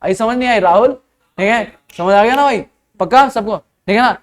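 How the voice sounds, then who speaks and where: A man's voice: high voice, moderate pace. A male accounting lecturer with an Indian accent, teaching casually and quizzing his students. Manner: conversational, asks students questions. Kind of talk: classroom lecture.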